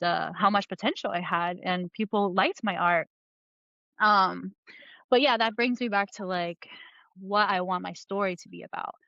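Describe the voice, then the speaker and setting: Rambling woman guest, smooth muffled voice. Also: mid-range voice, fairly bright tone, dry recording. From New Jersey. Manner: rambling with many fillers and laughs. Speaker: podcast guest, comic book artist. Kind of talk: casual conversational interview.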